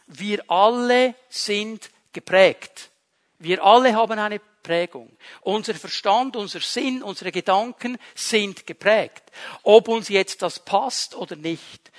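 A man's voice: high-pitched, a bit bright. A man preaching a sermon as pastor, emphatic and repetitive, speaking straight to his listeners.

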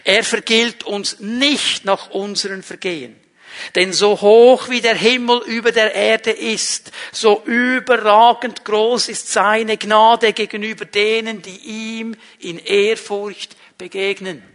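A man preaching a sermon to a congregation, earnest and emphatic, moving between loud stresses and quiet passages. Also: high-pitched, fairly even intonation, slow.

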